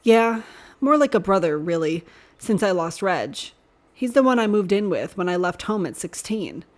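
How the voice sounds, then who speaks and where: A woman's voice: medium pitch, big pitch swings, moderate pace, a little mellow, close to an everyday voice. A woman voicing a teasing, blunt young man who talks frankly.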